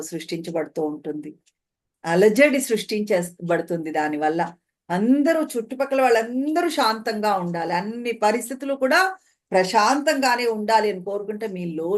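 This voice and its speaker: A woman with a Telugu accent giving a spiritual talk, explaining slowly and often asking listeners if they follow. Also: medium pitch. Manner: slow, explaining, asks listeners questions. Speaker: translator of spiritual commentary.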